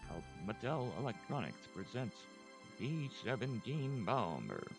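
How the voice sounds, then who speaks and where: A man doing a homemade robot voice by talking on the in-breath. He plays a jerky, deadpan male robot, with glitchy pitch jumps and a gravelly, croaky sound. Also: measured pace, music in the background. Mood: robotic deadpan. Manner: glitchy pitch jumps, spoken while inhaling. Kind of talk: casual livestream voice demo.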